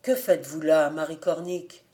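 A woman voicing an older village priest who speaks gravely and gently, lower than her own voice. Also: fairly even intonation, moderate pace, natural voice. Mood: stern.

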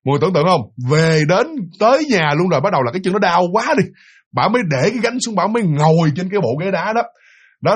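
A man's voice: high voice, breathy edge. A man with a Southern Vietnamese accent telling a ghost story in a chatty way, speaking directly to his listeners. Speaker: storytelling channel host. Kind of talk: casual spoken ghost story.

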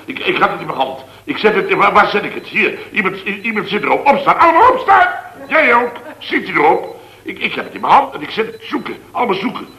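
An actor playing a fussy, easily flustered company boss who stammers through a 1960s radio comedy. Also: male voice, high-pitched, sing-song, fast talker, sharp tone, heavily acted. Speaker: boss of a contractor's firm. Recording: roomy old radio recording.

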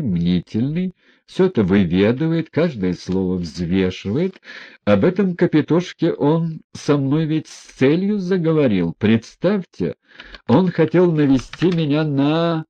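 A man voicing a sickly young man who answers calmly with cutting sarcasm. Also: a little high, measured pace, dull audio, voice pushed up. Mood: sarcastic. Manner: calm, mocking, cutting.

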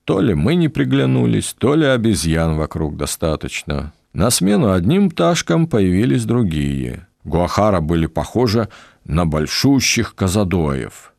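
A man reading his own adventure audiobook in a measured, wry storytelling manner. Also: low voice, sing-song, vocal fry, darkish tone, dry recording, clean studio sound. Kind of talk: scripted audiobook narration.

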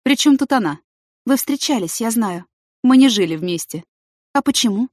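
A woman's voice: fairly high pitch, animated, moderate pace, darkish tone, no room sound, clean studio sound, pitched above the performer's own voice. A woman reading an audiobook, voicing a fragile pregnant woman who speaks in an emotional, pleading way. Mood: upset.

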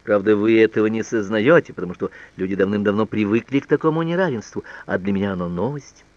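A man reading a classic novel aloud as an audiobook narrator, giving the dialogue lively swings in pitch and loudness. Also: fast, dry recording. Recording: dull lo-fi audiobook recording.

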